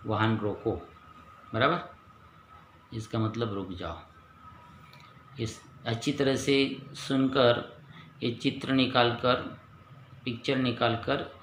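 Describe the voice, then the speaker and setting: A man gives a lesson at an unhurried, deliberate pace, speaking at an ordinary pitch. He walks pupils through each point patiently, posing questions and answering them himself. The room around him is echoey, with a faint hum behind. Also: fairly bright tone. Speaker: teacher.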